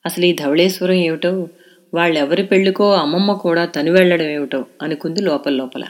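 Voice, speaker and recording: A woman narrating a serialized audio novel in a calm, steady storytelling manner. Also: on the low side, a little fast.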